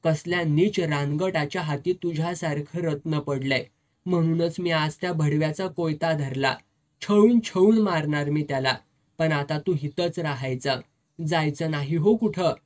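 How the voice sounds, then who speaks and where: A reader voicing a drunk, lecherous, domineering officer who slurs his words and shouts, in a storybook reading. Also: medium pitch, unhurried, natural voice. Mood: slurring, menacing. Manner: slurring, bullying, shouts.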